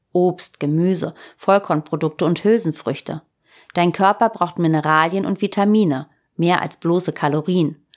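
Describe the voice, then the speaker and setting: A woman with a slightly lower voice reads a prepared script for her podcast. Her delivery is calm and measured. It has a soothing, unhurried evenness. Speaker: podcast host. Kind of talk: scripted narration.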